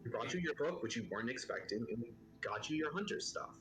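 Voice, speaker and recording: Lively-voiced man arguing as a player. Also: medium pitch, fast talker, soft background music, rough recording. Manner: lively, argumentative, apologetic. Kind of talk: playing a character in a tabletop game.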